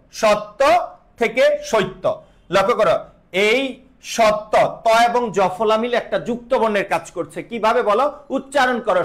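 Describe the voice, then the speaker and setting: A man teaching grammar in a live online class, repeating rules and quizzing students with call-and-response questions, slipping in English words. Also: high voice. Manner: mixes English words into speech.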